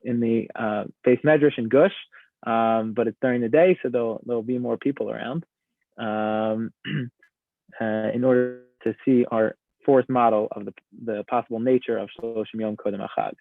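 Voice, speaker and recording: A young man giving a Torah lesson, talking through the material slowly with many pauses and ums. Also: mid-range voice, steady tone, vocal fry, dry recording. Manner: hesitant, many ums, explains step by step. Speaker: Torah teacher. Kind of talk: recorded Talmud lecture. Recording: dry, tinny phone-like sound.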